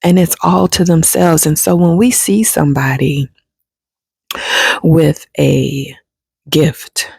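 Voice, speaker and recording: A woman's voice: deep voice, steady tone, takes it slowly, gravelly, pauses often, darkish tone, slightly rough, dry recording. A woman giving a reflective spiritual talk, musing unhurriedly and turning emphatic and jokey with casual slang. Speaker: spiritual advice speaker.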